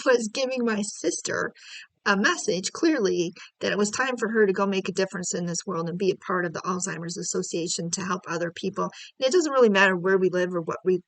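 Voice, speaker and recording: A woman's voice: on the low side, no room sound, poor audio. A woman from the United States telling a family story in a casual, chatty way, acting out conversations with small laughs between phrases.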